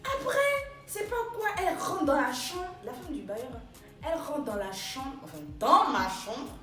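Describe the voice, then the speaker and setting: A young woman tells a casual storytime to her viewers, animated and exclamatory, with her voice leaping higher when she replays an argument. She sits back from the microphone in a roomy space, and soft music plays underneath. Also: moderate pace, distant mic. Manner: rising sharply when retelling quarrels. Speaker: vlogger. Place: small room indoors. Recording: roomy, from off-mic.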